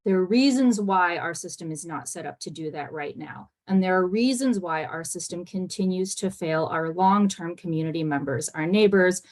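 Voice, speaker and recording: A woman immigration lawyer answering on a panel discussion over a video call, speaking quickly and earnestly with many fillers and restarts. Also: fairly low pitch, lively intonation, darkish tone. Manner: fast-talking, earnest, with frequent fillers and restarts.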